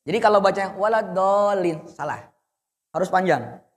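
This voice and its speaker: High-voiced male Quran teacher, reverberant room. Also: normal speed. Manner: patient, corrective, demonstrates then explains. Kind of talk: teaching Quran reading to adults.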